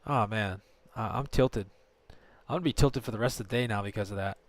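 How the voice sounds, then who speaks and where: A man's voice: lowish voice, fairly quick. A man streaming a game, talking to viewers in live commentary and swearing often as he rants.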